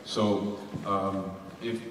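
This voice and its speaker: A man's voice: on the low side, flat delivery, drawn-out words, far from the mic, slight background noise. A man speaking as a voice actor on a convention panel, rambling with lots of restarts and laughs. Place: large convention hall. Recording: echoey hall recorded from afar.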